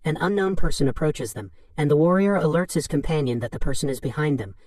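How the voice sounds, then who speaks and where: A man narrating a story recap in an even, flat reading of third-person summary. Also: on the high side, fast.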